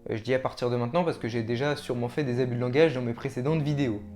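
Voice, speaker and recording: A man's voice: mid-range voice, racing. Casual, chatty man explaining workout terms. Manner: relaxed, chatty, laughs at himself. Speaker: fitness YouTuber.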